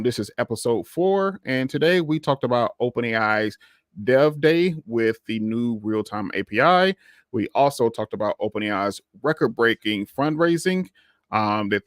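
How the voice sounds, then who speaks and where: A man's voice: lowish voice, no room sound, studio quality. A man hosting a tech podcast, talking casually and loosely with lots of fillers. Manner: relaxed, rambling, with many fillers and restarts. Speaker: podcast host.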